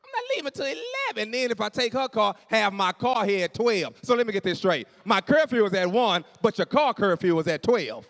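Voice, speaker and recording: A man in his late forties doing animated stand-up storytelling on stage, dropping to low asides and jumping up for punchlines. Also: brisk, few pauses. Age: 40s. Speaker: stand-up comedian. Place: church hall on stage. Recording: long hall reverb.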